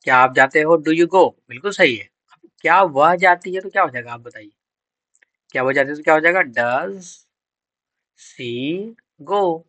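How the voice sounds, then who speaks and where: A man's voice: a little high, measured pace, pauses often, pushed and bright, dry recording, low-quality recording. A man teaching English grammar for exam prep. He quizzes students, answers his own questions and spells out words letter by letter.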